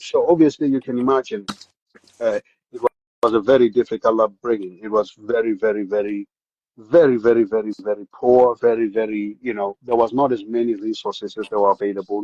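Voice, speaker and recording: On a dull recording with no room sound, a man with a low-ish voice and South African accent talks about his upbringing. It's a casual interview chat where he guests on a podcast, telling stories animatedly with many repeats and restarts.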